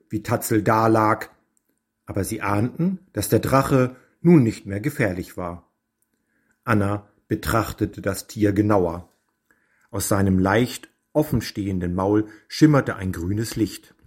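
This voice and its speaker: A man reading a children's storybook aloud at a very slow, deliberate pace. His voice sits fairly low and measured. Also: a little mellow. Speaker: narrator. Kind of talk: storybook narration.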